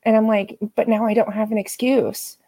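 Brief: relaxed woman in her late twenties, dark mellow tone with vocal fry, casual talk. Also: a little high. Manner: laid-back, quick to laugh. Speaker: correctional facility admin worker. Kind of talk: casual podcast chat.

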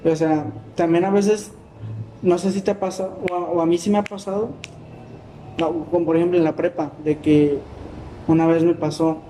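Slangy Mexican man, mellow voice. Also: on the high side, level tone, moderate pace, a little hiss or hum, low-quality recording. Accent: Mexican Spanish. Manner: slangy, rambling, many fillers. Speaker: podcast host. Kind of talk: casual chat.

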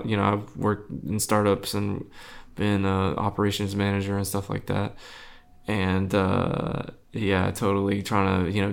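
A young man, an artist guest on a podcast, talking casually in halting, rambling sentences full of fillers. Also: lowish voice, vocal fry. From Boston area. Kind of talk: casual interview chat.

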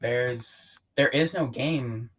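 A man's voice: mid-range voice, drawn-out words, low-quality recording. A man co-hosting a casual podcast, chiming in with laid-back, offhand remarks. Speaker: podcast co-host. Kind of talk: casual chat.

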